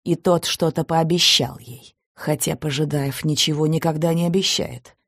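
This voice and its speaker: A woman reading a crime novel aloud in steady scripted narration. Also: low-pitched, moderate pace, gravelly, breathy edge, no echo, clean studio sound. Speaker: audiobook narrator.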